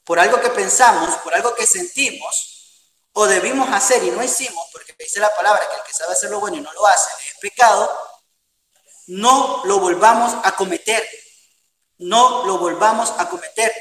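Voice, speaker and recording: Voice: mid-range voice, moderate pace, a bit bright, recorded from a distance. A preacher delivering an earnest sermon to a congregation he calls beloved brothers and friends. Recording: roomy hall, voice from afar.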